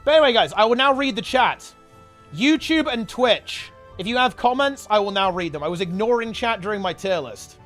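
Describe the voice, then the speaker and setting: A man's voice: high-pitched, expressive, normal speed, a bit bright, faint music behind. A man streaming casually to his chat, rambling in gamer slang and repeating himself while getting over a sickness. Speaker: game streamer and video host.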